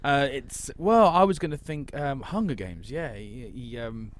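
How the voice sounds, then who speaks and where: A man of about forty co-hosts a relaxed chat. He tells his story wryly, stopping often for ums and uhs, with an everyday pitch and a conversational delivery. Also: measured pace. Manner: wry, storytelling, hesitant with many ums. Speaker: podcast co-host. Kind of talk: casual chat.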